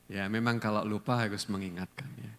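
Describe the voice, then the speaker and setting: A man's voice: fairly low pitch, fairly even intonation, fairly quick, fairly bright tone. A male pastor preaching a conversational sermon to a church congregation, often putting questions to the listeners.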